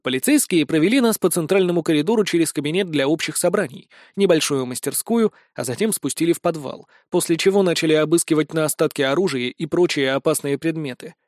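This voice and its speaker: A man's voice: a little high, fast, hardly any pauses, dry recording, clean studio sound. A man narrating a humorous fantasy audiobook and acting out the characters. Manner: expressive, voices characters.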